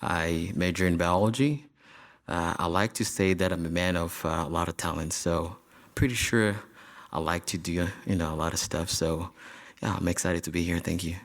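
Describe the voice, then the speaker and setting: A man's voice: deep voice, fairly even intonation, normal speed. A young man, a senior student on a panel, talking casually and with enthusiasm, often repeating himself. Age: young adult. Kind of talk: panel discussion answers.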